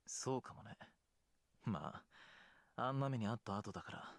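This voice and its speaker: A man's voice: on the low side, animated, fast, vocal fry, no echo. A man voicing a cold, bitter young man in a game, speaking curtly and icily. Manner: curt, icy, clipped. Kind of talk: anime game voice acting.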